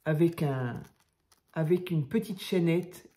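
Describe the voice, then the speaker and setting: An older woman casually showing craft tags to her viewers, talking softly and chattily with many hesitations. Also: sits low, slow pace. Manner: chatty, soft-spoken, hesitant with fillers. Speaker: craft channel host.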